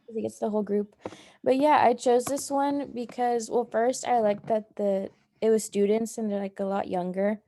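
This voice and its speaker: A woman's voice: a little high, steady tone, moderate pace, mellow. A woman taking part in a casual group discussion, explaining her view thoughtfully with fillers. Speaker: participant.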